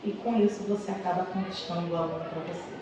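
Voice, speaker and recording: She talks fast, her pitch on the low side and her intonation fairly even: a middle-aged Brazilian teacher recounting personal stories conversationally as an interview guest. The room echoes, the microphone is far away, and there's noise behind her.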